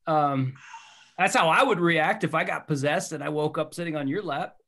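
A man's voice: fairly high pitch, normal speed, fairly bright tone. A hungover man chatting in an easygoing, jokey way as host of a film podcast on a video call. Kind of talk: casual film podcast chat.

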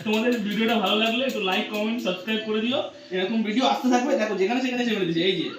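A man's voice: high-pitched, rapid-fire, over music. A man chatting casually and playfully while playing with his dog outdoors, laughing and scolding it. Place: outdoors in a village. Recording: echoey, far from the mic, crowd behind.

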